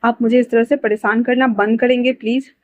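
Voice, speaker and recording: A woman's voice: fairly high pitch, level tone, a little fast, no echo, highs cut off, natural voice. Woman reading as a petulant young male student. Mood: protesting.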